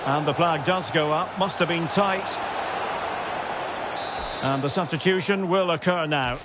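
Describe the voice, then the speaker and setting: A man calling a football match as play-by-play commentator, building to excited shouts when goals go in. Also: a little high, unhurried, background noise. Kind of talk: sports commentary.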